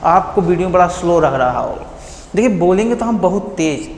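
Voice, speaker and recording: A man's voice: sits high, lively intonation, normal speed, echoey room, long reverb tail. A man from India teaching an exam-prep history lesson, quizzing his students by repeating each key fact as a question and giving memory tricks.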